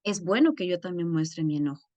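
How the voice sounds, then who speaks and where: Woman lecturer, lowish voice, dry close sound, explanatory, keeps checking in with listeners. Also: animated, fairly quick, mellow, no room sound, highs cut off. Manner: acts out example phrases in changed voices. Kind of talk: online course lecture.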